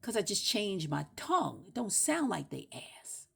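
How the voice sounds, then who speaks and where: A woman talking in a casual, rambling monologue, repeating words over and over for emphasis and jumping between shouting and near-whispers. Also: mid-range voice, very animated, measured pace, creaky, husky. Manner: breaks into playful shouts and drops to a whisper.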